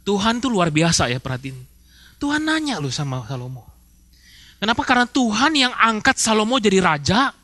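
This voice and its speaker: A male pastor, preaching in a very bright, high voice. He talks in casual slang and keeps asking the congregation questions. The sound is close and dry. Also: no room sound. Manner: casual Jakarta slang, rhetorical questions, acts out quoted spouses. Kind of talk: sermon.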